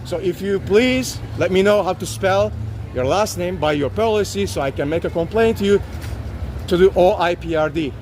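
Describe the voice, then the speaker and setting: Sitting high and a little mellow, his voice moves at normal speed, with a slight hiss or hum in the recording. He speaks English as a second language and works as a citizen auditor, filming police on a city street outdoors and repeating polite but insistent demands in a confrontational encounter.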